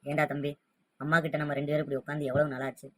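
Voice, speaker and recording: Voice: mid-range voice, level tone, rapid-fire, a bit bright, no echo, close to an everyday voice. An actor voicing a devoted adult elder son who speaks earnestly and emotionally to his sick mother.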